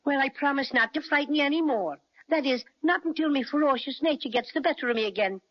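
A man's voice: fast talker, dry recording. A man voicing a small, boastful teddy bear who speaks with an Irish accent and makes comic growls, in a 1930s radio drama. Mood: chatty. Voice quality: high, lilting, sing-song. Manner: playful, polite, with comic growls. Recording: dull old radio recording. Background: music.

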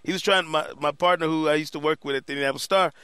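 Bright, animated sportswriter man. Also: fairly high pitch, very fast, clear, resonant tone, dry recording. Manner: animated, slangy storyteller. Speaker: sportswriter and co-host. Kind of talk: casual sports chat.

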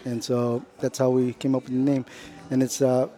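A middle-aged man, a chef, talking about his restaurant in a relaxed, unhurried way with lots of fillers. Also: medium pitch. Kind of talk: casual interview chat.

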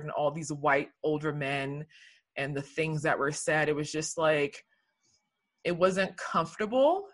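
A woman's voice: sits low, a bit bright. A woman from Liberia, a guest telling her story in an earnest, reflective way during a casual conversation.

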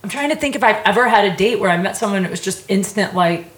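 A woman's voice: mid-range voice, expressive, fast talker, reverberant. A woman chatting casually and candidly in informal, slangy language, with lots of "like".

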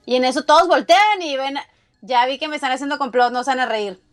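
A woman's voice: high-pitched, fast, soft background music. A woman, a radio co-host telling a silly joke with giggles.

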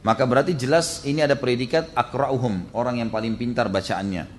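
An Indonesian man delivers a religious lecture in a mid-pitched voice. He recites Arabic passages and then explains them to his listeners. He often turns to them for agreement as he goes. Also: steady tone, brisk, slight background noise. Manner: explains hadith, quotes Arabic then translates. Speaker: preacher.

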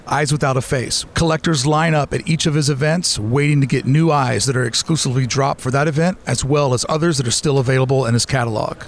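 A man's voice: on the high side, a little hiss or hum. A man hosting an interview at a trade show booth, friendly and talkative. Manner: friendly, talkative, scripted intros. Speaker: podcast host interviewing artists. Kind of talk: casual convention interview.

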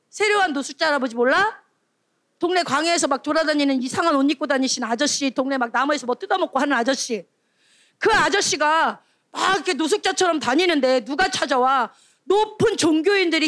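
A female junior preacher giving a lively sermon to children and teens, asking the room questions and acting out scolding voices. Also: high voice, no room sound, studio quality. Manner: animated, calls out questions and acts out scolding voices. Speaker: junior preacher at a youth retreat.

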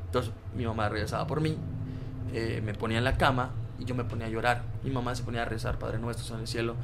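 A man in his twenties with a Mexican accent, a podcast guest telling a personal story in casual chat. He talks in an animated, slangy way, halting often to restart his words. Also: medium pitch, background noise. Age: 20s.

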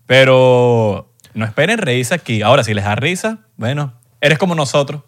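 A young Venezuelan man co-hosting a podcast in casual, joking chat, loud and animated, sometimes breaking into shouts. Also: medium pitch, normal speed. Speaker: podcast co-host.

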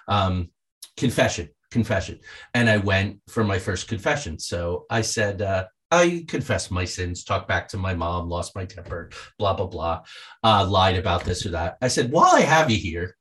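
A man being interviewed as a guest author, talking in a lively, storytelling way and acting out the voices of people he quotes. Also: low voice, normal speed.

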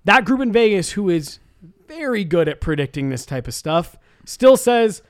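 A man with a high voice and a very dry sound. He chats casually as a sports show co-host, making his case emphatically and often restarting mid-thought. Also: very animated, moderate pace, no room sound.

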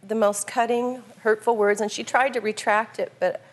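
A woman's voice: a little high, steady tone, moderate pace. A middle-aged woman, a guest on a talk show, pleading in fits and starts as she defends herself. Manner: pleading, breaking off and restarting. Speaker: guest, mother-in-law. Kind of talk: emotional talk show confrontation.

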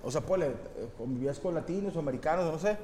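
A man's voice: a little high, lively intonation, fast talker, mellow, slight background noise. A man with a Mexican Spanish accent, a podcast guest in casual chat who jokes and chimes in with crude slang.

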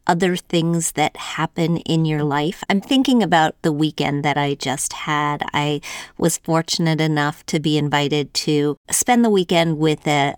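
A woman's voice: low voice, clean tone, no echo, clean studio sound. A woman in her late fifties hosting an interview conversationally, asking questions and relating them to her own experience. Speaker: interviewer, host.

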